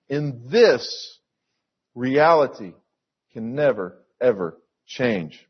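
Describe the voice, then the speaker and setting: Middle-aged male pastor, earnest sermon delivery, unhurried, slightly husky voice, somewhat dull recording. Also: medium pitch. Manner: slow, earnest storytelling with emphatic repetition.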